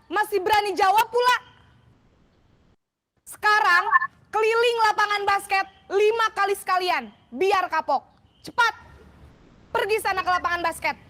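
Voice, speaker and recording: A shrill, nagging schoolteacher, played by a woman in a classroom role-play, scolding a pupil who keeps turning up late. Her voice sits very high and stays exasperated throughout. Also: pushed and bright, full character voice.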